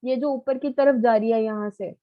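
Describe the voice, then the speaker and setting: A woman's voice: a little high, fairly even intonation, normal speed, no echo, phone-quality sound. A woman biology teacher giving a live online lecture, coaxing answers out of her students in a familiar, quizzing way.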